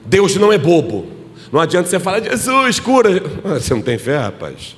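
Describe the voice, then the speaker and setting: A man preaching a fervent sermon as pastor, rising to shouted climaxes and dropping to hushed pleading. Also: on the high side, sing-song, fast talker. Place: church hall. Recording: reverberant church hall with music behind.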